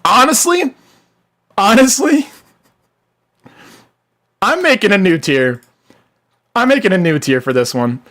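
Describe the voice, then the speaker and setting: A young adult live streamer ranting with heavy swearing and sudden shouts, then reading chat, voice wearing out. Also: mid-range voice, slow, pauses often. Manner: profane, animated ranting, bursts into shouting. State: losing voice.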